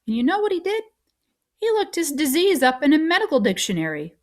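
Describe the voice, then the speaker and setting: A woman voices a weary middle-aged doctor from a storybook, hushed and consoling, her words low and soft. She speaks with quiet patience, never raising her voice, and sounds worn out. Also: huge pitch swings, brisk. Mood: gentle. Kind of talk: audiobook reading.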